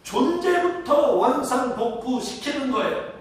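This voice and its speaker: A man's voice: very high-pitched, expressive, measured pace. A man preaching a sermon as pastor, leading his congregation in reading aloud together and asking them questions. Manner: leads congregation in call-and-response reading. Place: church sanctuary. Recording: echoey church hall from far off.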